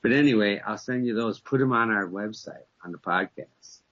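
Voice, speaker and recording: In dull, lo-fi podcast audio, a fifty-something male co-host trades jokes and boasts in easygoing banter, telling animated stories. He speaks at a normal speed with a fairly low pitch.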